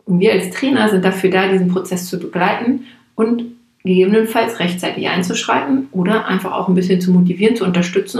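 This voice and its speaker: A woman's voice: medium pitch, gravelly, darkish tone. Lady fitness coach talking, upbeat and encouraging, doubles up words, roomy echo. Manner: encouraging, repeats words for emphasis. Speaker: personal trainer. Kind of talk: motivational coaching talk. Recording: echoey room.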